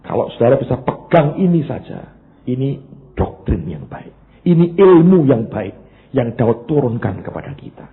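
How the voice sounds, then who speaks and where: A male pastor, preaching a sermon that jumps between loud, emphatic bursts and low, quiet asides. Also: very animated, normal speed. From Indonesia. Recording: tinny phone-like band, faint noise.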